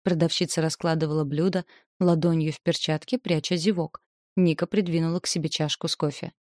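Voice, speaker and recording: A woman reading a novel aloud as an audiobook narrator, in an even, measured storytelling way. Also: sits low, no room sound, studio quality. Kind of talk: scripted narration.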